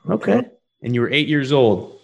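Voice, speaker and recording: A man's voice: mid-range voice, very animated, moderate pace, creaky, lo-fi sound. A man hosting an interview, rambling through his questions with many fillers. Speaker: interview host. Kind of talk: casual interview.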